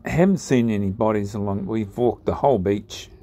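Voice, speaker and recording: Man, sailing vlog voice-over, low voice, unhurried, lots of ums. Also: background noise. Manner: slow, relaxed, with frequent ums and pauses. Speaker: sailing vlogger narrating drone footage. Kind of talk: unscripted voice-over narration.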